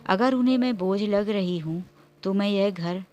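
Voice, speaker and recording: A woman's voice: mid-range voice, unhurried, slight background noise, natural voice. A woman voicing a stubborn, angry young married woman who speaks indignantly. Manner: indignant, sharp.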